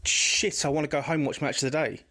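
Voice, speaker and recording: A man's voice: a little high, quick pace, sharp tone. A man, a podcast guest telling a personal story candidly, rambling with frequent restarts. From England.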